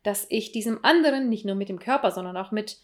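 A woman's voice: mid-range voice, fast talker. A young adult woman co-hosting a podcast, talking reflectively and mixing in English words. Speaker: podcast co-host. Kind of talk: casual chat.

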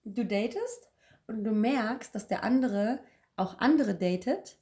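A woman's voice: fairly high pitch, takes it slowly. A young woman co-hosting a podcast, chatting casually and telling anecdotes with lots of fillers. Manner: chatty, animated storytelling with many fillers. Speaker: podcast co-host. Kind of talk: casual chat.

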